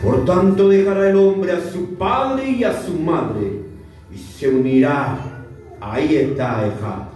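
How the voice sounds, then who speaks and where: A man's voice: a little high, slow, a little mellow. A man preaching a sermon as pastor, emphatic and repeating words for stress. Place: church. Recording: echoey church hall, mic far off, faint music.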